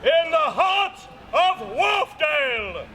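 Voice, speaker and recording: A man shouting a town crier's proclamation, declaiming loudly in short, separated phrases. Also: very high voice, sing-song, takes it slowly, a crowd in the background. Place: outdoors in a town. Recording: noisy outdoor recording, street and vehicle noise.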